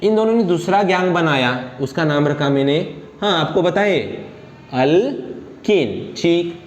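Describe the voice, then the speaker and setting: A man teaching a chemistry lesson, playful and quizzing his students with quick questions. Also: fairly high pitch. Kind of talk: classroom lecture. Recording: echoey room with faint noise.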